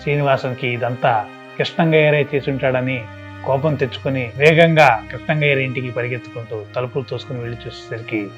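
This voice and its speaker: A man narrating a story dramatically, his loudness rising and falling. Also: mid-range voice, steady tone, fairly quick. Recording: dull lo-fi with music behind. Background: background music.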